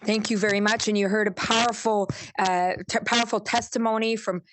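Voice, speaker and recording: A woman's voice: medium pitch, fairly even intonation, a little fast, fairly bright tone, slight background noise. A woman hosting a press conference, introducing speakers earnestly with many fillers. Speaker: host.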